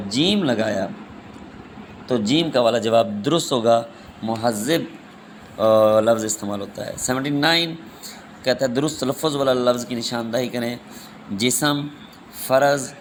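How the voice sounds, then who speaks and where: A man's voice: medium pitch, a little hiss or hum. Man teaching, reading options aloud. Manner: reads each option then states the answer, calls students "beta". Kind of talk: exam question walkthrough.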